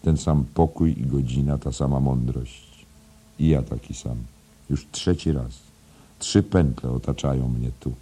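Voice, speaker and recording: A man voicing a quiet, brooding young teacher who speaks in a subdued, terse way in an audiobook. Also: extremely low pitch, measured pace, slightly rough, exaggerated voice.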